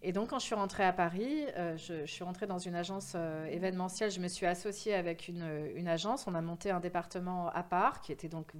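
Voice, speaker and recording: A woman in her fifties, founder of an event agency, tells her career story as a guest in a casual interview. Her voice is fairly low and a little fast with few pauses, and she's chatty and full of hesitations.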